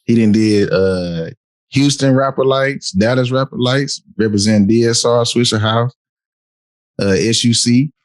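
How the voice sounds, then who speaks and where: A man's voice: medium pitch, unhurried, no room sound. A man hosting a casual podcast, easygoing and often repeating "for real, for real.". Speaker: podcast host.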